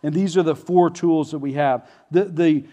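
Pastor, male, slightly high voice; conversational, emphatic sermon delivery. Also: warm tone. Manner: earnest, conversational preaching with frequent restarts and emphatic pauses.

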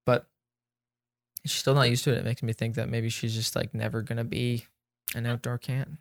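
A man hosting a casual podcast, rambling with plenty of fillers and little jokes. His voice sits at a middling pitch. The sound is dry and close, with no room around it. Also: level tone, moderate pace, no echo. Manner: rambling, lots of "like" fillers, jokey. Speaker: podcast host. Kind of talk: casual chat.

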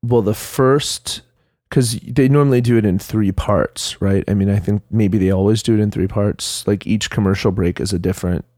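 A man's voice: lowish voice, fairly even intonation, normal speed, a little mellow, no room sound, studio quality. A man with a nasal voice chatting casually over a remote call, rambling with fillers and restarts. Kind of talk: casual chat.

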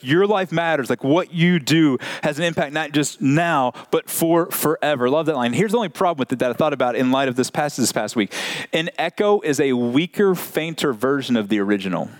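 A man preaching a sermon to a church congregation in a lively, conversational way, often saying "like". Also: medium pitch. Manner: animated, conversational, frequent "like" fillers. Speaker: pastor.

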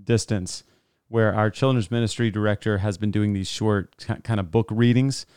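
A man's voice: fairly low pitch, fairly even intonation, moderate pace, a little mellow, smooth, no echo, clean studio sound. A man co-hosting a podcast interview, upbeat and encouraging, laughing easily. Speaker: podcast co-host. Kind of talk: casual interview chat.

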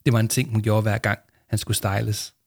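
Gravelly low male storybook narrator. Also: no echo, studio quality. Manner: calm, storytelling. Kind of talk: storybook reading.

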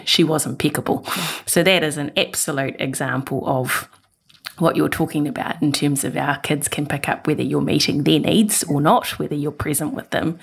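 A woman's voice: deep voice, vocal fry, fairly bright tone. A woman hosting a conversation, sharing anecdotes about her young daughter in an open, chatty way. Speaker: host. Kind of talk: casual chat.

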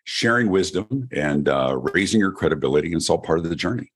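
A man with a deep, husky voice speaks at a quick pace as a keynote speaker and guest in a podcast interview. He's from Denver, Colorado, USA, and comes across as an animated, chatty storyteller who often restarts.

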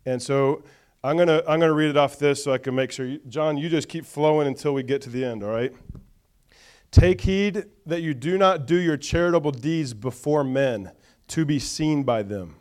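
Smooth-voiced man preaching. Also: a little high, moderate pace, darkish tone. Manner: call-and-response preaching, conversational asides. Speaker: pastor. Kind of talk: sermon.

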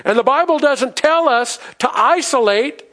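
A man's voice: very high voice, expressive, unhurried, fairly bright tone. A pastor preaching a sermon to his congregation, reading scripture aloud and asking the people questions. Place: church in front of a congregation.

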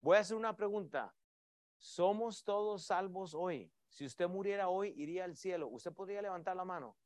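A middle-aged man preaches from the pulpit in a high, ringing voice. His delivery is emphatic, rising and dropping sharply in loudness as he keeps calling out to his listeners as brothers. The sound is close and dry, with hardly any room around it. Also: moderate pace, no echo. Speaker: pastor. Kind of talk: sermon.

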